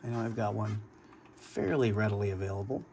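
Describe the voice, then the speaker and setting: A man gives a casual tour of his home flight sim cockpit, full of fillers, rambling, and restarted sentences. His lowish voice is gravelly and a little mellow, a bit fast, with slight background noise.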